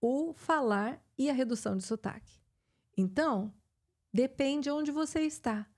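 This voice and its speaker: A woman's voice: high voice, measured pace, a little mellow. A middle-aged woman with a Brazilian Portuguese accent, an English teacher hosting a live chat and explaining with many fillers and restarts.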